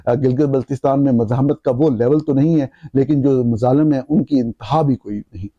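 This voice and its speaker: A man's voice: mid-range voice, fairly quick, no echo. A man giving emphatic political commentary with rhetorical questions. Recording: dull, muffled, dry audio.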